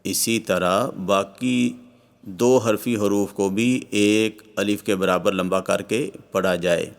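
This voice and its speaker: Smooth-voiced man teaching Arabic letters. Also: on the low side, fairly even intonation. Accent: Pakistani Urdu. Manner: slow drawn-out recitation of Arabic letters. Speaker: Quran reading teacher. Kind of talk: scripted lesson narration.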